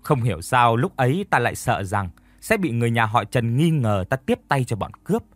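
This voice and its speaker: A man voicing an older village woman, weary and grave, who tells the past in a slow, sighing way. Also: medium pitch, sing-song, no room sound, close to an everyday voice.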